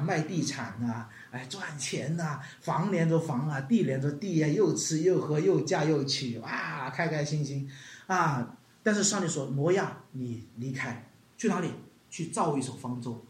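A preacher delivers a lively sermon, telling scripture stories with a voice that leaps high and drops low. The voices of the people in the stories are acted out, and rhetorical questions keep going out to the congregation. The sound rings around a roomy, echoey hall. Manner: acts out quoted voices with big pitch swings. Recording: echoey room.

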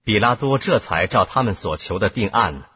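A man reads scripture aloud in a very husky, breathy voice that sits fairly low. His delivery swings widely in pitch, rising sharply where the crowd shouts. The recording sounds dull and lo-fi. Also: animated, normal speed. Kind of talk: scripture reading.

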